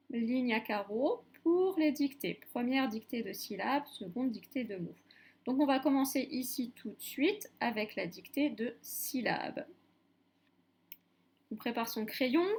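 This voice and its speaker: A woman teacher giving a phonics lesson to young children, dictating syllables slowly and repeating each one clearly. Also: on the high side, a little mellow.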